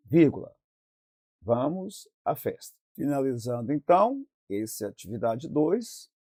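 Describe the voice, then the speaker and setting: A male teacher explains worksheet answers at an unhurried pace, drawing out each word as he dictates. His voice is mellow and swings widely in pitch. The recording is dry and close, with no room sound. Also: dry recording. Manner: slow, explanatory, stretches out words while dictating answers. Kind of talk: recorded lesson going over worksheet answers.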